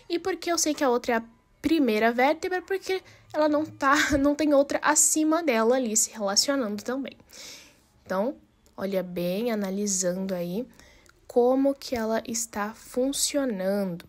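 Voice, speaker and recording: A woman with a Brazilian Portuguese accent giving an informal step-by-step lesson, repeating points and mixing Spanish terms into her Portuguese. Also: on the high side. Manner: didactic, repeats and recaps step by step. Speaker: anatomy teacher. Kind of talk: informal narrated anatomy lesson.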